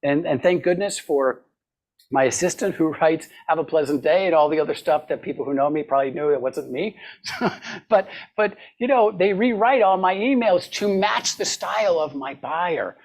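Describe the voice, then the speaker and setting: A man speaking as a sales panelist in a roundtable discussion, telling stories in an animated way and acting out the conversations he quotes. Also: fairly high pitch, moderate pace.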